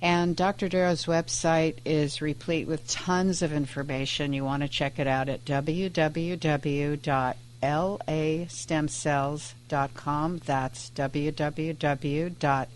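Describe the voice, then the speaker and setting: A woman co-hosting a radio show, upbeat, reading out phone numbers and web addresses slowly and clearly. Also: low voice. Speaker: radio co-host. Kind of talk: radio program reads and chat. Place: radio studio.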